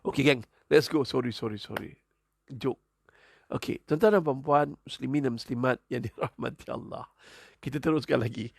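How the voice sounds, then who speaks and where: A male preacher talks in a gravelly voice of middle pitch. He delivers a light-hearted religious talk full of jokes, animated asides and quick chuckles. The sound is dry and close. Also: no echo.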